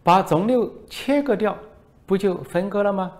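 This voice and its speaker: A man voicing a sly male foreign reporter who asks mock-innocent, needling questions in a raised, slowed voice. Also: darkish tone, close to an everyday voice. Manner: high, slow, needling, mock-polite.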